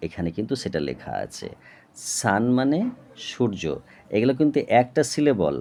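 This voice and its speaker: A man teaching a lesson at a board, explaining slowly and patiently, spelling out words and often checking with "okay?". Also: lowish voice, very animated, a little mellow. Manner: slow, patient, repeats "okay?" to check understanding; spells words out and breaks them into parts. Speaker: tutor.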